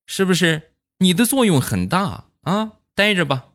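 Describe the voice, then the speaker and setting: A man with a Northern Mandarin accent voicing a cynical male boss who talks an intern into staying, sly and smooth. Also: high voice, very animated, a little slow, very noisy, voice pushed up, full character voice.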